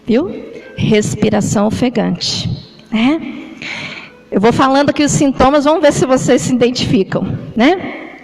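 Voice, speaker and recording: A woman with a Brazilian Portuguese accent preaching a church sermon, talking conversationally and often checking in with the congregation with quick tag questions. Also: high voice, darkish tone, soft background music, low-quality recording. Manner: demonstrates with gestures while talking.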